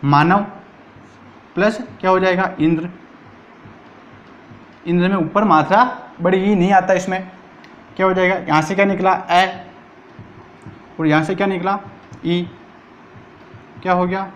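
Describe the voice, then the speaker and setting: A man's voice: high voice, steady tone, unhurried, pauses often, muffled recording. A man teaching a grammar lesson for exam prep, asking and answering his own questions.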